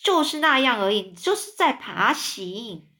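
A swaggering giant centipede from a storybook, loud and teasing, always bragging about himself, as a woman reads him out. The voice sits somewhat high. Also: lively intonation, normal speed. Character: boastful bug-eyed giant centipede, cheeky.

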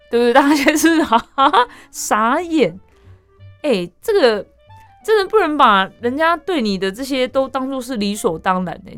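A woman podcast host, chatting casually and reading out online comments in a lively way, with frequent exclamations and laughter. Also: medium pitch. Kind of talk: casual chat reading netizen stories.

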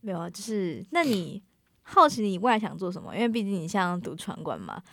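A woman's voice: medium pitch, big pitch swings, a little fast, fairly bright tone, no echo, studio quality. A young adult woman with a Taiwanese Mandarin accent, chatting casually in a colloquial, responsive way. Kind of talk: casual chat.

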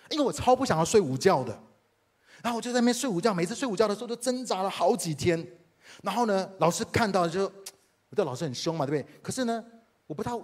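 This is a man from Taiwan, a pastor whose Mandarin has a Taiwanese accent, recounting something from his own life to the congregation he is directly addressing. His pitch sits fairly high with a breathy edge, and his delivery is lively.

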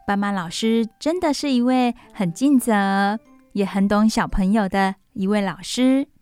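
A woman's voice: mid-range voice, measured pace, darkish tone, smooth, no echo. A woman hosting a children's radio show, reading a bedtime story aloud as if to a toddler, with simple exclamations and repeated phrases. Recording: music playing behind the voice. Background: music.

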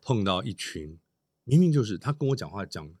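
A man's voice: lowish voice, sing-song, fairly quick, darkish tone, husky, no echo, studio quality. A man who performs crosstalk comedy, a guest telling stories in a blunt, emphatic way in a casual podcast chat.

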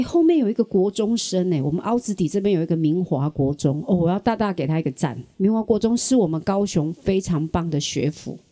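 Podcast host, woman, middle-aged, Taiwanese Mandarin accent; mellow, dry close recording, animated storyteller. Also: medium pitch, no room sound. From Kaohsiung, Taiwan. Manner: animated storyteller who acts out quoted voices. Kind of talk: casual chat.

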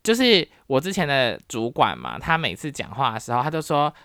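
A woman's voice: extremely low pitch, brisk, no echo, clean studio sound. A woman from Taiwan, a university professor talking frankly and with opinions in a casual podcast monologue. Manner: frank and opinionated, animated storytelling.

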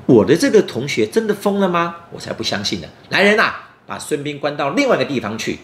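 A man's voice: mid-range voice, animated, fast, natural voice. A man voicing a scheming male schoolmate in a children's story, falsely friendly, coaxing and self-important. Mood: suspicious, commanding. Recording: roomy echo, faint background noise.

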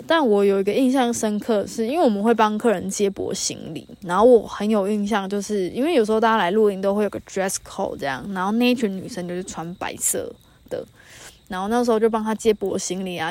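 This woman in her thirties, from northern Taiwan with a Taiwanese Mandarin accent, talks fast in a mid-range, darkish voice. She hosts a solo podcast beside a campfire at a mountain campsite, chatting through anecdotes, quoting people, and frequently laughing.

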